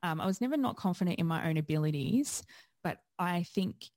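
Aussie woman with a really low voice, chatty and frank, super dry close recording. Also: lively intonation, a little fast, a little mellow, dry recording. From South Australia. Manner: candid, chatty and self-deprecating. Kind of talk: casual conversation.

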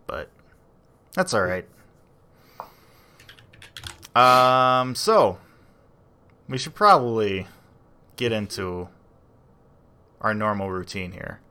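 A man co-hosting a podcast in casual chat, relaxed and rambling, with frequent fillers and restarts. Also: on the low side, takes it slowly, pauses often, smooth. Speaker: podcast co-host.

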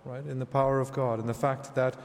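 A man speaking as a priest in church, reading scripture and preaching in a measured, reflective manner. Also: mid-range voice, flat delivery. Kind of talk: Gospel reading and homily. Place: large reverberant church indoors. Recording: long cathedral-like echo, reverberant church hall.

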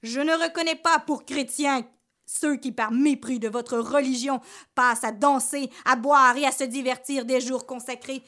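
A woman voicing the devil disguised as a charming male stranger, smooth and defiant in a storybook tale. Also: high-pitched, fairly even intonation, normal speed, a bit bright.

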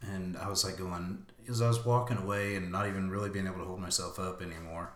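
A man hosting a casual chat, telling his own marathon story in a lively way and shouting when he reenacts his self-talk. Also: low-pitched, quick pace. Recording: roomy echo.

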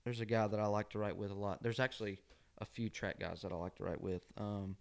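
A man from Georgia, USA, a country singer-songwriter, talks casually as an interview guest in a folksy Southern accent with a nasal twang, frequently ending phrases with "man." He speaks fast in a voice on the low side, level in tone, clean, and touched with vocal fry.

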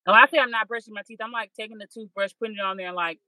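A young woman sits down for an intimate podcast conversation and speaks candidly about her own experience. Her voice is bright and forward. The recording is dry and close, with no room sound. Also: mid-range voice, fairly even intonation, rapid-fire, no echo, low-quality recording. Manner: open, reflective, acts out her own inner voice. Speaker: podcast guest.

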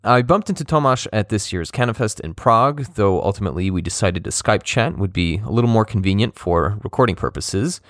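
Lively low-voiced podcast host, a man. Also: fairly quick, hardly any pauses, dry recording, studio quality. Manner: conversational, lightly joking. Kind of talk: scripted podcast narration.

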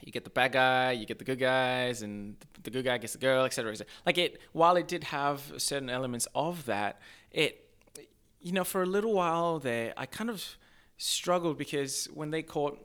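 A young man from Zimbabwe raised in Australia, chatting as a guest in a thoughtful, halting way. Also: mid-range voice, fairly bright tone, clear, resonant tone. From born in Zimbabwe, raised in Australia. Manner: thoughtful, halting, many restarts. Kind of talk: casual podcast chat.

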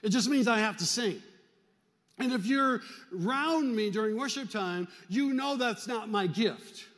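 A male pastor preaching a fervent sermon in a church, urging the congregation to clap and shout. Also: sits high, lively intonation, unhurried, long reverb tail. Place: church sanctuary.

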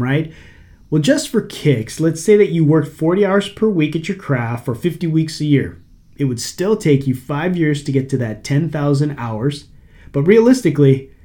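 A middle-aged man hosts a solo podcast in an easygoing, encouraging tone. He slips in a bit of dry sarcasm now and then. His voice sits a little higher than most men's. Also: warm tone. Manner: conversational, lightly sarcastic, motivational. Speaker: podcast host. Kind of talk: casual solo podcast talk.

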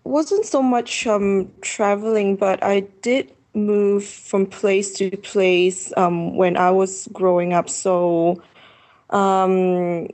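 A woman in her thirties from Malaysia, a travel author answering interview questions from her apartment and pausing often with fillers. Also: medium pitch, steady tone, a little mellow. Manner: hesitant, many pauses and fillers.

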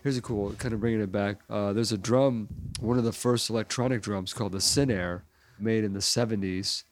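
Low-voiced drummer, rambling and casual. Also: male voice, fairly even intonation, brisk, no room sound. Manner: rambling, lots of "like" and "you know". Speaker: drummer, guest. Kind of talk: casual interview chat. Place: restaurant.

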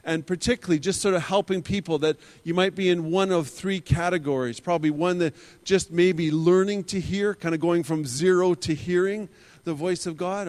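A man in his fifties opens a church conference seminar. His voice sits a little high, and he talks earnestly, often stopping to restart and repeat his words. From Canada. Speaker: church leader leading a seminar. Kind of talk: conference talk.

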